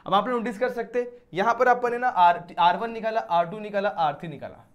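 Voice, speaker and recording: High-voiced male maths teacher. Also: a little fast. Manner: explains step by step, often quizzing students. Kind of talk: classroom lecture.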